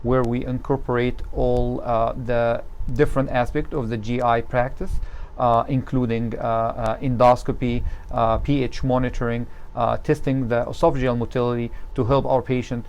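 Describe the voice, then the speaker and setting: Halting man, gravelly voice. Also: mid-range voice, little pitch movement, darkish tone, highs cut off. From Egypt. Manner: halting, many uh and um fillers. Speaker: gastroenterologist. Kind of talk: unscripted self-introduction.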